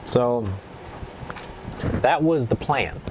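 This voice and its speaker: A man chatting casually and telling stories in an unhurried, rambling, folksy way, at times with a pipe in his mouth. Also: mid-range voice, noisy background. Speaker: pipe-smoking vlogger. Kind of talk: casual storytelling chat.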